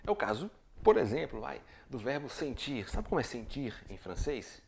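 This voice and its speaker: A man with a Brazilian Portuguese accent teaching a casual video lesson, chatty and lively, repeating each word for practice. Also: mid-range voice, normal speed, creaky. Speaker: French teacher.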